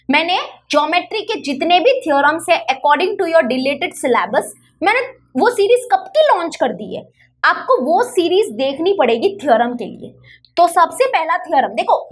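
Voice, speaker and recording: A young woman teaching an online maths lesson in a chatty, coaxing way, repeating key points. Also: very high-pitched.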